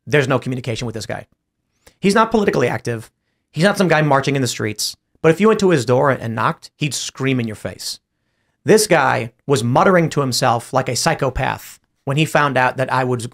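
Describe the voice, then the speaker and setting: A man hosting a political talk show, telling stories with animated retellings and imitating other people in raised voices. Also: medium pitch, vocal fry. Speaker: podcast host.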